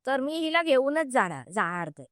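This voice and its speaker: Woman, spiritual teacher, vivid podcast storyteller; high, bright voice, dry close sound. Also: big pitch swings, moderate pace, no room sound. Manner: vivid, acts out quoted speech.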